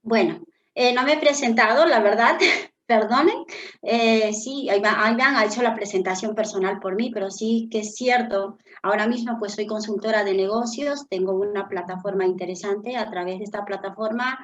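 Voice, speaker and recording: A middle-aged woman from Peru, speaking with a Peruvian Spanish accent, has a medium-pitched voice and a normal speed. She is a business consultant and an interview guest, earnestly and reflectively telling her story with frequent fillers in conversation.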